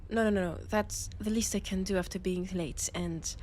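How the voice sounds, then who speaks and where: A young woman with a French accent playing a laid-off space miner in an audio roleplay, chatting hesitantly with her best friend and trailing off into pauses. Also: medium pitch, fairly even intonation, darkish tone, a little hiss or hum, lightly acted. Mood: apologetic.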